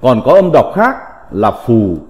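A man teaching a slow recited vocabulary lesson, reading in a deliberate, measured way with drawn-out syllables. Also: mid-range voice, big pitch swings, darkish tone. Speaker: teacher of classical characters. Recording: long reverb.

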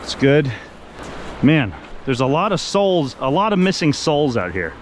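A man's voice: fairly high pitch, sing-song. A chatty man in his thirties talks straight to his viewers while fishing, upbeat and friendly, calling them guys. He records on an action camera held at arm's length outdoors by a river, with a faint wash of outdoor noise underneath. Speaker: fishing vlogger. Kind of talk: casual vlog narration to camera. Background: rushing river water.

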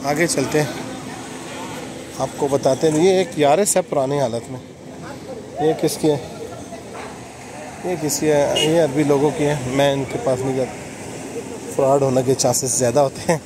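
A man's voice: mid-range voice, fairly even intonation, moderate pace, pauses often. A man filming a walk-around vlog at an outdoor used car market, chatting with sellers and repeating their numbers back. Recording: outdoor street noise and engines.

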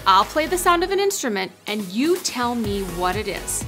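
A woman's voice: medium pitch, very animated, moderate pace, fairly bright tone, soft background music. A woman hosting a kids' church lesson, cheerful and talking straight to the children. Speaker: children's ministry host.

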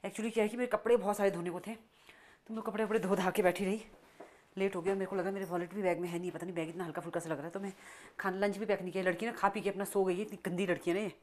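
Here the vlogger's voice sits at medium pitch, steady and a little mellow, and she races through her words. It's casual family vlog narration recorded on a phone camera indoors at home and outdoors, full of chatty rambling and scolding.

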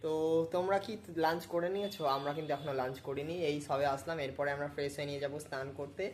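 A man's voice: fairly high pitch, steady tone, rapid-fire, roomy sound, a little hiss or hum. A man talking casually to camera as a travel vlogger. He chats with his viewers as friends and mixes English words into his talk.

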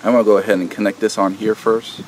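A man's voice: fairly low pitch, flat delivery, quick pace, darkish tone, slight background noise. A man hosting a do-it-yourself video, talking through a repair step by step outdoors with many hesitant fillers. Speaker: DIY video host. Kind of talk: casual how-to explanation. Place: outdoors at an air conditioner unit.

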